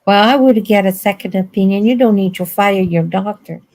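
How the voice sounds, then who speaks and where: A woman's voice: medium pitch, moderate pace, a little mellow, poor audio. A woman hosting a casual chat, talking bluntly and acting out quoted voices in her stories. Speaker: host.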